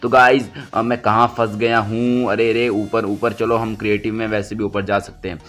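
A man's voice: fairly low pitch, level tone, moderate pace, a bit bright, faint music behind. A man doing a casual gameplay tutorial voice-over, chatty and thinking aloud as he picks options, recorded at home after the gameplay. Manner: chatty, keeps saying "guys", thinks aloud while picking options. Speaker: gaming channel host.

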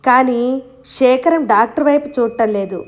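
High-voiced woman narrating a novel. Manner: measured, expressive storytelling. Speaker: audiobook reader.

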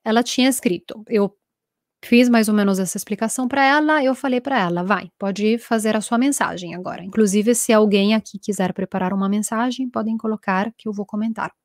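A woman's voice: medium pitch, a little fast, no room sound, clean studio sound. A woman from Italy, a native Italian speaker, teaching a chatty live lesson and acting out quoted dialogue.

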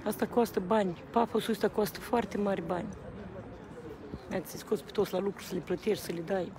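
A woman speaking passionately to a reporter outdoors at a rally, repeatedly appealing to the people around her. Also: medium pitch. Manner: agitated, repeats appeals to the crowd. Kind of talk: impassioned street interview. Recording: outdoor street recording with crowd noise. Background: crowd.

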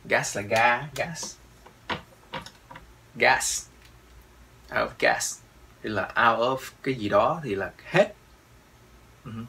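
A man's voice: mid-range voice, expressive, takes it slowly, long pauses, bright, forceful tone, slight background noise, low-quality recording. A man teaching English pronunciation, patiently repeating each word several times and explaining in between. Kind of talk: pronunciation lesson, repeating words slowly.

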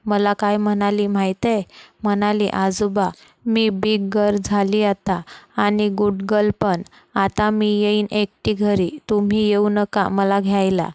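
A woman's voice: medium pitch, monotone, measured pace, a little mellow, smooth, no room sound, close to an everyday voice. Woman voicing a grumbling doting grandfather. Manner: grumbling, fond.

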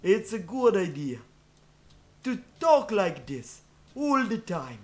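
Brief: a man playing a clownish fake-Russian meme guy, put-on Russian accent, a bit high, deliberately dumb. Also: very animated, a little mellow, full character voice. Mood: mocking.

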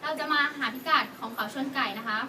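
A woman's voice: sits high, quick pace, noisy background. A young woman, a student, demonstrating a procedure step by step, politely and carefully reading out numbers. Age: young adult.

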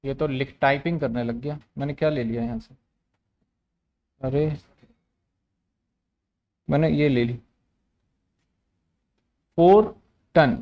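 A man's voice: mid-range voice, takes it slowly, long pauses, lo-fi sound. A man giving a commerce lecture, asking questions and answering them himself, often repeating phrases. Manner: repetitive, asks and answers his own questions. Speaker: commerce teacher. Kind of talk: online classroom lecture.

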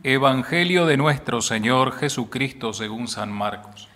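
A middle-aged priest reading the Gospel aloud at Mass into a stand microphone in a small chapel, in a solemn, steady manner. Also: male voice, medium pitch, unhurried. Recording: long chapel reverb.

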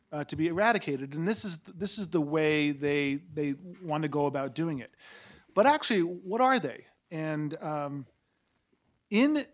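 A man in his forties on an academic panel, explaining history in a lecturing way with restarts and tag questions. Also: fairly high pitch. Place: seminar room with a panel table and audience. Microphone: table mic on a stand.

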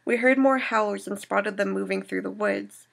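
Shaken survivor woman, read by a woman, gravelly, steady telling. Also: mid-range voice, moderate pace. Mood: grieving. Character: shaken young woman survivor recounting an attack.

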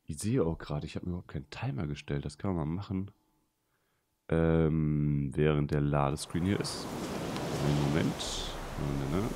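A man's voice: normal speed, mellow, slight background noise. A man gives casual gaming commentary, often muttering to himself as he plays. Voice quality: deep voice. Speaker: let's play host. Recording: game music behind the voice. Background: video game music.

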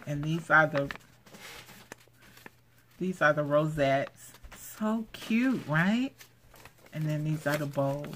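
A woman's voice: deep voice, slow, long pauses, a little hiss or hum. A woman hosting a craft unboxing vlog at home, gushing and exclaiming over each item. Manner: gushing, excitable, repeats exclamations. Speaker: craft channel host. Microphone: handheld camera.

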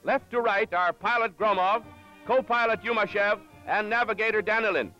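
A man narrates an old 1930s newsreel in a formal announcer's manner, his voice sitting high. The sound is dull and lo-fi, as old film audio is. Loud music plays under him the whole way. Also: normal speed. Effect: old 1937 newsreel soundtrack played from archive.

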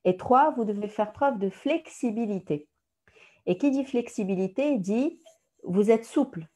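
A woman's voice: fairly high pitch, animated, a little slow, dark tone. A woman with a Moroccan French accent teaching an online career workshop, counting off points one by one. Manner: didactic, enumerating points, acts out recruiter lines.

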